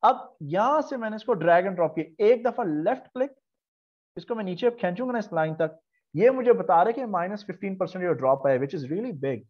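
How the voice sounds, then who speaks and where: A man's voice: high-pitched, expressive, brisk, muffled recording. A man teaching a live online class. He explains step by step, asks questions and then answers them himself, and he repeats key terms in chanting lists. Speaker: trading instructor.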